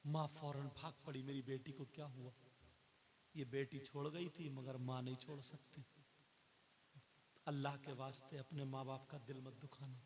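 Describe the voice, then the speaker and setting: A male preacher telling a moral story in a sermon, acting out the characters' lines and building to loud pleading cries. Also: medium pitch, level tone, slight background noise.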